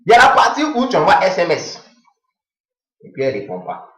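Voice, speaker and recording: A man telling a comic monologue in an animated way, slipping into low muttered voices as he acts out phone calls. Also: brisk, roomy sound, low-quality recording.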